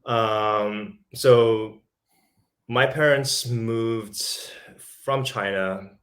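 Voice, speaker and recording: Born in Lesotho and raised in South Africa, this man is a podcast guest in casual conversation, talking thoughtfully and often repeating words as he works toward his point. His voice is on the low side, fairly bright, and steady in tone, and he speaks very slowly.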